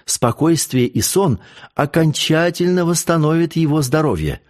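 A man voicing a calm, practical nun in an audiobook. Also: a little high, normal speed, close to an everyday voice.

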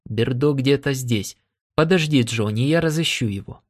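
A man's voice: mid-range voice, moderate pace, no room sound, studio quality, natural voice. A man doing a rowdy frog-faced spacer. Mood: amused. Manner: exclaiming, excited. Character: jolly boisterous Irish spacefarer man, frog-faced grin.

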